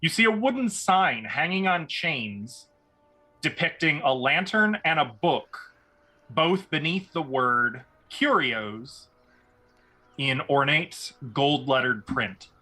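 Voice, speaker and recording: A man's voice: a little high, expressive, takes it slowly, pushed and bright, soft background music, rough recording. A man narrating a tabletop fantasy game as game master.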